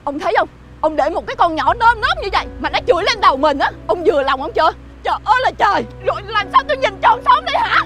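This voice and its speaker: A woman playing a middle-aged wife who scolds her cheating husband in shrill insults. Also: big pitch swings, fast talker. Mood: angry. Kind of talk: low-budget moral skit acting. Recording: loud music bed behind.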